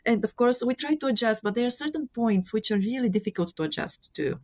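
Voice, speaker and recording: A woman's voice: fairly high pitch, lively intonation, quick pace, darkish tone. Bulgarian-accented woman in casual discussion. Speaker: podcast panelist.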